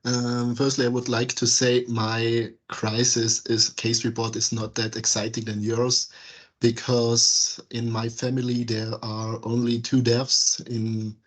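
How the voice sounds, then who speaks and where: A man, a nursing student speaking in a video meeting, halting as he searches for words. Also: mid-range voice. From Austria.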